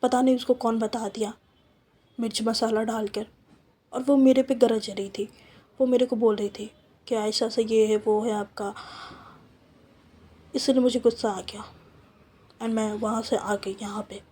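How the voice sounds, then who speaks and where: Woman reading as a breezy, dismissive young woman in a storytime, higher voice, husky edge. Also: steady tone, unhurried, long pauses, mellow. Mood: breezy, defensive.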